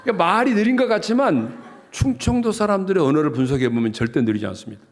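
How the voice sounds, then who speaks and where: A man from South Jeolla, Korea, preaching a revival sermon as pastor in a joking, animated way. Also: high voice, fast talker.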